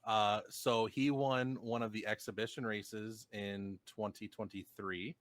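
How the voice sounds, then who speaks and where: A man co-hosting a racing podcast, telling stories in relaxed casual chat. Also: lowish voice, a little slow, no room sound. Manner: storytelling, relaxed, quotes others in excited voices. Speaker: podcast co-host.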